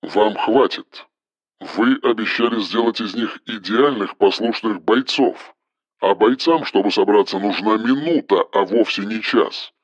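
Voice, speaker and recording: A man reading an audiobook, voicing a cold, commanding engineer who gives flat, toneless orders over the phone in a metallic voice. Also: lowish voice, measured pace, no room sound, highs cut off, pitched below the performer's own voice. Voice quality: metallic timbre.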